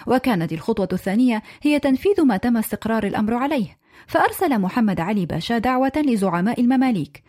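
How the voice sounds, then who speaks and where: A female radio presenter reading listeners' contributions aloud in a clear, measured way. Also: on the high side, expressive, a little mellow.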